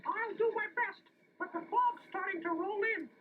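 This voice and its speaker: A man voicing a small, plucky male cartoon mouse in falsetto, earnestly telling a children's storybook tale. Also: moderate pace, background noise. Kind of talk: children's storybook audio narration and dialogue. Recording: tinny band-limited toy tape.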